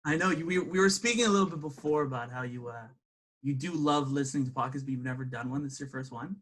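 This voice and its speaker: A man's voice: medium pitch, fast, a bit bright. A man hosting a podcast, chatting casually and joking with his guest. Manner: friendly, joking, stumbles over names. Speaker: podcast host. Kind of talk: casual chat.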